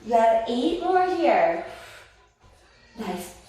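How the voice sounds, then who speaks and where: A woman's voice: fairly high pitch, big pitch swings, extremely slow, mellow. Encouraging, winded woman instructor in an echoey room. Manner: encouraging cues and counting reps. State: winded from exercising. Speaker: Pilates instructor. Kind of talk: workout instruction. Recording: roomy echo, distant mic, faint music.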